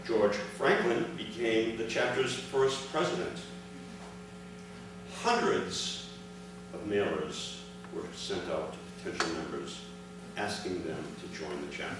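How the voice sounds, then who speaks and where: Speaking on the low side, a man reads a prepared first-person memoir written by his father, pacing it for the audience in short, deliberate phrases. The commemoration takes place in a big reverberant room, captured by a distant microphone along with noticeable background noise.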